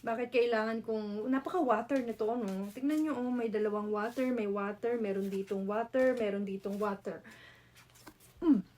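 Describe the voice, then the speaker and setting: A woman's voice: fairly high pitch, fairly even intonation, normal speed, a little mellow. Chatty Filipino woman reading tarot. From Philippines. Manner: chatty, frequent "no?" tag questions, mixing Tagalog and English. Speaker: tarot reader.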